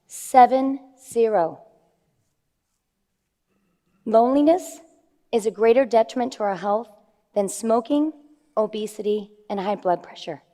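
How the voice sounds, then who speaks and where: A woman's voice: fairly high pitch, warm tone. A woman who is a life coach, giving an earnest talk to an audience and stressing figures. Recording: long hall reverb.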